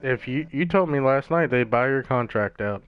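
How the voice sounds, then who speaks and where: A man's voice: medium pitch, expressive, normal speed. A man trash-talking his friends in casual voice chat while gaming, brash, profane and mocking. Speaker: gamer streaming with friends. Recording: dull lo-fi gaming mic, faint hiss.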